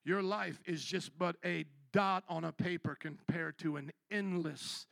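A male pastor preaching a sermon, calling out to his congregation for responses and moving from low, quiet passages up to loud shouted peaks. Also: creaky, dry recording.

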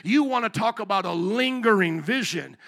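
A pastor preaching a sermon into a pulpit microphone in a church, calling out to the congregation for amens. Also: male voice, high voice, animated, normal speed, gravelly, a bit bright. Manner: emphatic call-and-response preaching. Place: church sanctuary.

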